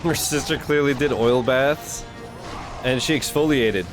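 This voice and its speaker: A man hosting a reaction stream chats casually with viewers, rambling in a slangy, sweary way while game music plays in the background. His voice is medium-pitched and his pace measured.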